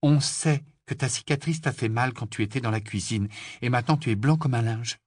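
A man's voice: medium pitch, fairly quick, dry recording, studio quality, lightly acted. A man voicing a stern, anxious teenage girl who scolds and urges. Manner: scolding, urgent.

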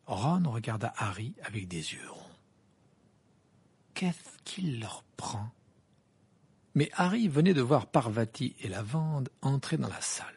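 Raspy, animated audiobook reader. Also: medium pitch, normal speed, few pauses. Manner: lively reading that slips into laughter. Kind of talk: amateur audiobook narration.

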